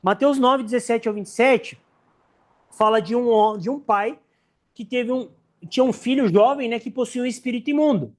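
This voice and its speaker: A man with a Brazilian accent teaching a church Sunday school class, joking and acting out Bible characters. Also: extremely high pitch. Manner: animated, joking, acts out Bible characters in quick voices.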